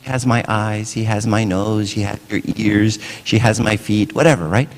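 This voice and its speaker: A man's voice: on the low side, fairly even intonation, normal speed. A man giving a casual, conversational sermon in a church, often checking in with the listeners by asking "right?". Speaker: preacher. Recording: long church reverb.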